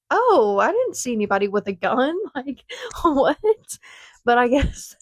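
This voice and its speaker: With a mid-range voice marked by vocal fry and a dry recording, a woman in her twenties hosts a laid-back solo podcast. She rambles through a personal story, chatty and self-mocking, often going off on tangents.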